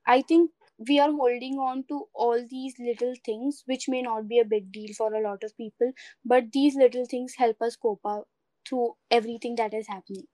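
High-voiced Indian woman, earnest and encouraging. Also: fairly even intonation, moderate pace, warm tone, no room sound. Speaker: podcast co-host. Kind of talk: casual reflective chat mixing English and Hindi.

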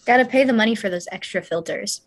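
A woman co-hosting a history podcast, chiming in with quick, teasing remarks. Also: mid-range voice, no echo. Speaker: podcast co-host. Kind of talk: casual history podcast chat.

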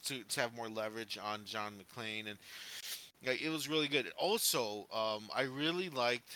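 A man's voice: medium pitch, normal speed, bright, forceful tone. A man co-hosting a podcast, chatting casually about a film in a rambling way with many fillers. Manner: rambling, heavy on fillers, laughs often. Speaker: podcast co-host. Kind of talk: casual movie review chat.

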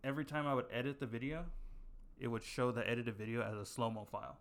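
A man's voice: mid-range voice, quick pace. A young man co-hosting a podcast, telling a long story in casual chat with many fillers and restarts. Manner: rambling, filler-heavy storytelling. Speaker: podcast co-host.

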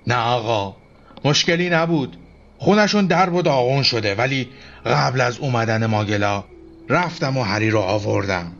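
Hagrid, a man voicing a gruff gentle giant. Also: medium pitch. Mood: earnest. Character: huge shaggy male half-giant, gruff but tender-hearted. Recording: dull lo-fi radio-play recording. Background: faint music.

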